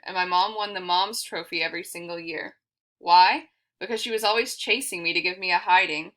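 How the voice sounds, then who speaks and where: A woman reading a memoir aloud for a library, in a steady, measured storytelling manner. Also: medium pitch. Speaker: library reader.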